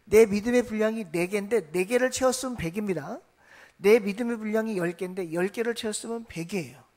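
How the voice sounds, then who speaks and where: A pastor delivers a Sunday morning sermon from the pulpit of a church sanctuary. The preaching leans on steady repetition, restating each point in near-identical phrasing. Rhetorical questions are thrown to the congregation and then answered in the same breath, at a middling pitch. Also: brisk.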